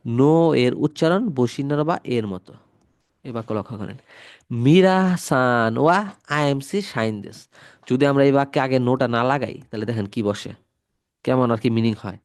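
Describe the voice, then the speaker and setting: Although he has a cold, this Bangladeshi man teaching Japanese works patiently through a grammar lesson on his slides, going over every example step by step. His voice is medium in pitch at a normal speed, in a dry recording.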